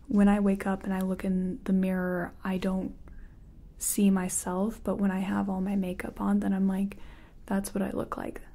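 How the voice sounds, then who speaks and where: In a personal-attention ASMR roleplay, a woman plays a makeup artist. Her medium-pitched voice is breathy and mostly whispered, and she murmurs gently and hesitantly.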